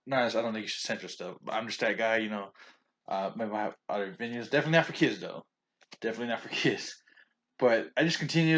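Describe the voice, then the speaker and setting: In a lowish voice with a sharp tone, a male vlogger chats about his manga haul. His talk is loose and rambling, full of restarts and botched names, and he's opinionated and quick to chuckle.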